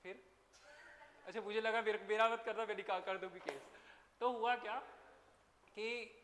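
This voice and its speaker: A man's voice: high voice, fairly even intonation, normal speed, a bit bright. A man teaching a biology class, chatty and teasing his students as he tells a story. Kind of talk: classroom lecture with anecdotes. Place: large echoey classroom. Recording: echoey hall, faint room noise.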